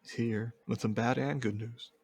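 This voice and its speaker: A man's voice: medium pitch, fairly even intonation, moderate pace, vocal fry, a little mellow, slightly rough, no room sound, clean studio sound. A man co-hosting a casual animation podcast, laid-back, laughing often and rambling through asides. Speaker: podcast co-host. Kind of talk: casual chat.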